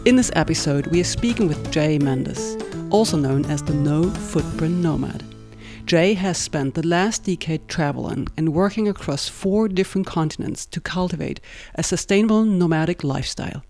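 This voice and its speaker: A woman co-hosting a podcast, reading a scripted introduction of the guest in a brisk manner. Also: low voice, darkish tone, soft background music. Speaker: podcast co-host.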